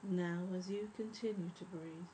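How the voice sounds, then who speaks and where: A woman leading a guided breathing meditation in a soft, soothing, measured spa voice that often trails toward a whisper. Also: lowish voice, fairly even intonation, low-quality recording. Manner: measured, instructive. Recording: faint background noise and ambience.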